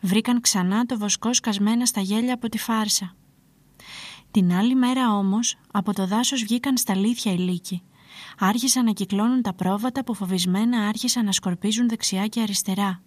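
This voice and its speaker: A woman's voice: medium pitch, no echo. Woman narrating a fairy tale. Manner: calm, expressive storybook telling. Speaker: storyteller.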